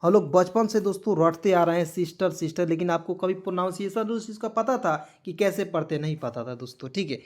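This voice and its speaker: A man's voice: sits high, darkish tone. Man drilling learners with quiz questions. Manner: drills viewers with repeated quiz questions and "clear?" checks; spells words letter by letter and says them slowly. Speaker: English teacher. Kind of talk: online spoken-English lesson in Hindi.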